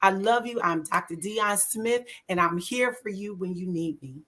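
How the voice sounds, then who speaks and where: A woman's voice: mid-range voice, normal speed, sharp tone. A woman therapist giving encouraging, spiritually minded closing advice to an audience. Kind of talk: closing remarks to an online audience.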